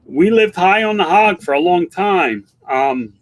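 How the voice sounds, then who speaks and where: A man in his fifties talks candidly and loosely, like someone hosting a casual livestream. His voice sits a touch higher than most men's, and he stumbles through restarts and fillers as he answers comments. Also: expressive, a little slow. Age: 50s. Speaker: online seller and livestream host. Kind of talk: casual livestream chat reading viewer comments.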